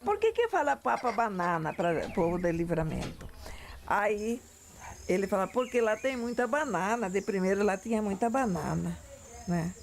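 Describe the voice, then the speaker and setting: Female documentary interviewee, mid-pitched, storytelling, slight background noise. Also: expressive, normal speed. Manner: telling a personal memory, quoting others.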